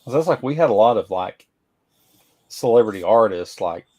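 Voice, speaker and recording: A man's voice: on the low side, lively intonation, normal speed, a little mellow. A man co-hosting a livestream, chatting casually in a laid-back, plain-spoken way. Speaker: livestream co-host. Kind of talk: casual chat.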